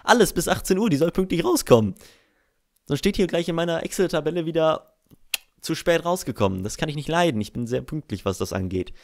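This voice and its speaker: Gravelly young German let's-player. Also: male voice, on the high side, animated, fairly quick. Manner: swears freely, rambling and self-mocking. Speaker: let's play host. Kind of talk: casual gameplay commentary.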